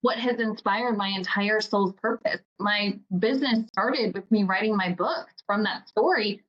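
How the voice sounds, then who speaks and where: Woman podcast host, earnest and halting, casual chat, muffled lo-fi sound. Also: medium pitch. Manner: earnest, halting with restarts and fillers.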